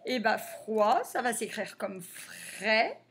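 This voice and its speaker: A woman teaches young children to read, taking her time over every word. Her voice sits high, and she moves at a very unhurried pace. She draws out each letter and syllable so the children can hear it clearly. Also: sing-song, a bit bright, slight background noise. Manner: slow, over-articulated sounding out of letters. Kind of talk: reading lesson for young children.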